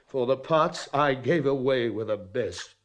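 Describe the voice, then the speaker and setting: A man's voice: medium pitch, animated, unhurried, close to an everyday voice. A man playing a tormented, bitter old-school cavalry captain. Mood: despairing. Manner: impassioned, bitter theatrical delivery. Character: anguished middle-aged cavalry captain, tormented and suspicious. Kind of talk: 1950s radio drama acting.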